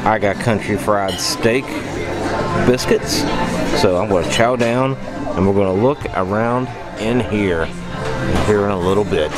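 A man's voice: lowish voice, unhurried. A man filming a casual travel vlog, chatting in an amused way as he points things out around a restaurant. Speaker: travel vlogger. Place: busy restaurant indoors. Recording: loud music and crowd noise behind.

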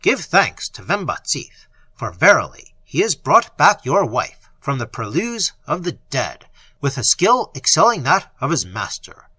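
A man's voice: fairly high pitch, wildly swooping pitch, measured pace, sharp tone, slightly rough, no room sound, heavily acted. A man voicing an oily, mocking necromancer who purrs his sardonic words. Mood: commanding. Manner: purring, sardonic.

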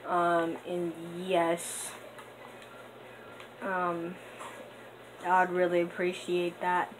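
Young female gamer host, unhurried rambling commentary, slightly low voice, noisy home audio. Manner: rambling and hesitant, with many fillers; bursts into excited gasps during play. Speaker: gaming channel host. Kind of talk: casual gameplay commentary. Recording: noticeable background noise.

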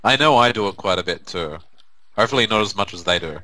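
A let's play gamer with a fairly low, expressive, sharp-toned voice talks fast while playing. He jokes, laughs and teases his co-player in casual banter.

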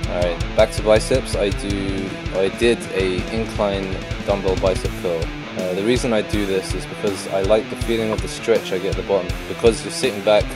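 A man with a hoarse, croaky frog-in-the-throat voice from a sore throat, plainly explaining a workout in voice-over. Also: low-pitched, steady tone, moderate pace, few pauses. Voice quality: croaky, froggy voice. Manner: plain, instructional. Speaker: vlogger, fitness trainer. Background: prominent guitar music.

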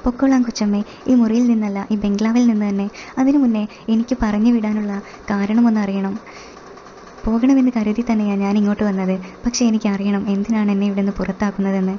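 A woman's voice: mid-range voice, steady tone, fast talker, dull audio, slight background noise, lightly acted. A woman voicing a bold young male servant. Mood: bold defiant. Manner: bold, quietly defiant.

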